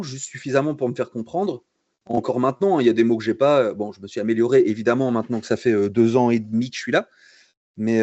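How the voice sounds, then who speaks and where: A man's voice: mid-range voice, no echo, dull audio. A young man from France, a concept artist guest on a livestream, telling his story casually with jokes, fillers and restarts. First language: French. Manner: relaxed, joking, many fillers and restarts.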